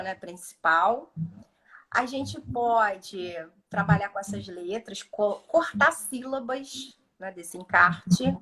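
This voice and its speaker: A woman's voice: a little high, fairly bright tone. Woman therapist explaining with acted examples. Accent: Brazilian Portuguese. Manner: explanatory, acts out example dialogues with patients. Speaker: speech therapist guest. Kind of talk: instructive live chat. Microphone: video call.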